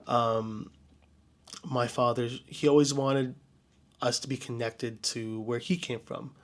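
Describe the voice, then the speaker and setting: Man from the US, vlogger and DJ, mid-pitched voice, halting, earnest delivery full of restarts. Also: steady tone. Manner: halting and searching, many restarts and fillers; earnest, quietly emotional. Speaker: vlogger and DJ entertainer. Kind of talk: personal reflective vlog storytelling.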